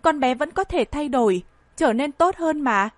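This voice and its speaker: A woman's voice: high-pitched, lively intonation, moderate pace, no room sound. A woman reading an audiobook voices a scheming woman who pleads in a self-pitying, tearful way. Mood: pleading.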